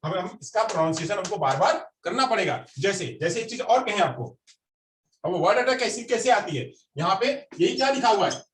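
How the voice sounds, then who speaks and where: High-voiced man lecturing a class. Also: a bit bright, a little hiss or hum. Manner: repeats phrases, quizzes the class. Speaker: teacher. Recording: roomy classroom recorded from a distance.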